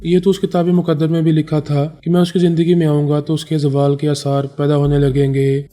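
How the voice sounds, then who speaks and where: A man narrating a story in a steady, dramatic reading style. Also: fairly high pitch, faint music behind. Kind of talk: scripted narration.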